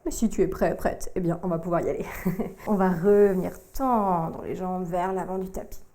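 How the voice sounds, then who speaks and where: A woman, working as a yoga teacher, calmly cueing breath and movement through a core workout. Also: fairly low pitch. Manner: calm, slow cueing of breath and movement, addressing the listener informally.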